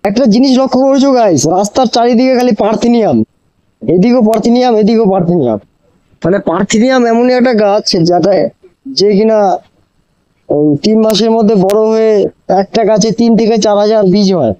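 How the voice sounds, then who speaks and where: Guy motovlogging from inside his helmet, high mellow voice, super dry close mic, chatty advice to viewers. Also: a little fast, clear, resonant tone, no room sound, lo-fi sound. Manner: explanatory, repeats phrases, advising viewers. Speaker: motorcycle vlogger. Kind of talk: casual riding vlog chat addressed to viewers. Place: outdoors on a motorbike, inside a helmet. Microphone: moto vlogging helmet microphone.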